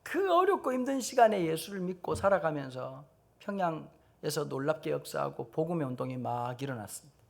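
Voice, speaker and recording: A man's voice: on the high side, sing-song, brisk, vocal fry. A middle-aged man with a Gyeongsang Korean accent, preaching at a teachers' seminar with blunt humor and acted-out quotes. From Gyeongsang region, South Korea. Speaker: pastor.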